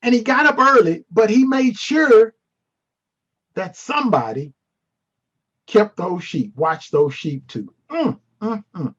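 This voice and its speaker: A man's voice: high voice, lively intonation, slow, pauses often, fairly bright tone, slightly rough, muffled recording. A man teaching a casual online Bible class over a video call, playful and teasing as he answers the chat.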